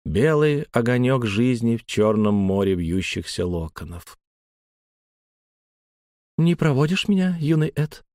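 Man narrating a story calmly, dry sound. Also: medium pitch, no room sound. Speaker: audiobook narrator. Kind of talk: first-person scripted narration.

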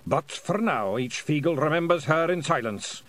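A small old clansman speaks in a soft Scottish brogue, pitched above the reader's own voice and slowed with sorrow, as a man puts him on. The voice rises and falls with feeling. It stays gentle and wistful. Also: animated. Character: old male Feagle, small sad clansman.

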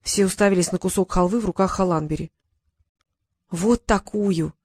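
A woman reading an audiobook as narrator, with an even, expressive delivery. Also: on the low side, quick pace, no echo, clean studio sound. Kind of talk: scripted narration.

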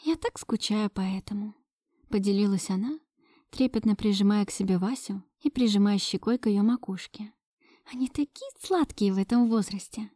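A gentle young woman, played by the woman reading coos and whispers softly. She sounds wistful and affectionate, with a mellow tone in a dry, close recording. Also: mid-range voice, fairly even intonation, a little fast, dry recording, close to an everyday voice. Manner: soft cooing, breathy whispers.

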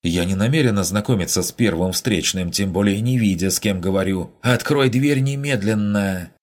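A man voicing a furious stranded woman who shouts commands with a hoarse, shrieking edge. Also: on the low side, moderate pace, pitched above the performer's own voice, lightly acted. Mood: indignant. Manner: imperious, insulting, demanding. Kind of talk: audiobook character voice.

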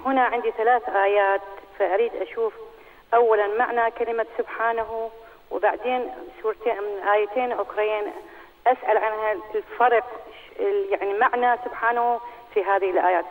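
A woman caller asking a question over the phone, speaking in a halting way and slowing down as she reads verses aloud. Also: a little high, fairly even intonation. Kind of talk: phoning in a question. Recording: tinny phone line with long hall echo.

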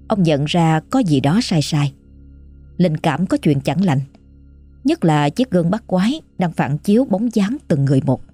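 Low, husky woman narrating a ghost story. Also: mellow. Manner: measured, suspenseful delivery.

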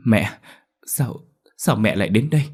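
A man voicing the vengeful female ghost of a young nurse, rasping and tearful, in a spoken horror story. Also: lowish voice, animated, measured pace, a little mellow, pitched above the performer's own voice. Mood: remorseful. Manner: rasping, wailing, then tearful.

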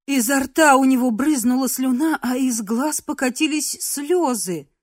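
Woman narrator, first-person audiobook read, steady, dry and close. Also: high voice, unhurried, no room sound.

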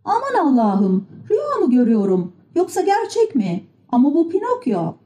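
A woman voicing a lively, excitable male stage puppet in a storybook reading. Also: on the high side, a little slow. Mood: excited.

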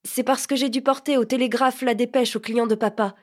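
A woman reading an audiobook voices a proud, touchy sixteen-year-old boy who answers in sharp, indignant outbursts. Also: medium pitch, moderate pace, lightly acted.

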